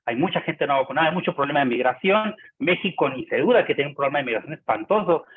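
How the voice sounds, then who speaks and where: Mexican doctor guy on a panel, husky voice, sounds like a phone line, kinda emphatic. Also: fairly high pitch, animated, quick pace. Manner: emphatic, repeats words. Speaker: physician panelist. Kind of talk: panel discussion.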